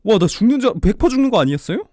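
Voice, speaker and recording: Excitable man playing a horror game. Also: sits high, very fast, no echo, clean studio sound. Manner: excitable, yelps and pleads under pressure. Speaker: game streamer. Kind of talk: horror game let's play commentary.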